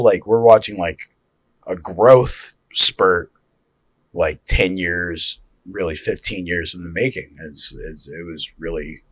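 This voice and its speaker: A man's voice: sits low, sharp tone, husky, dry recording. A young man co-hosting a podcast in casual chat, slangy and laid-back, laughing often. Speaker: podcast co-host.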